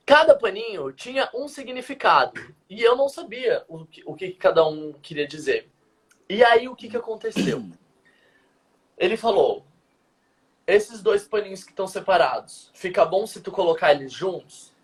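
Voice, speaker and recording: Animated high-voiced young man telling a story. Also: normal speed. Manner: animated, quotes dialogue vividly. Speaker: guest, dance teacher. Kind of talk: casual live-stream storytelling.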